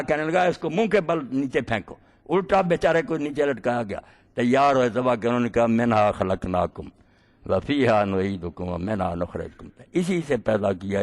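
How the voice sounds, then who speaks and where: A man delivering a sermon, telling stories and swinging between quiet passages and emphatic peaks. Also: medium pitch. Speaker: preacher. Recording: long hall reverb.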